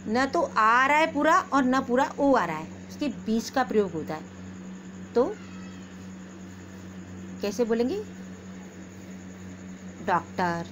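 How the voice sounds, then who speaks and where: Slow, patient woman teaching grammar. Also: on the high side. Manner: slow, patient, repeats questions and answers, calls pupils "beta". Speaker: school teacher. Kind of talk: recorded Hindi grammar lesson for young pupils. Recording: noisy background hiss.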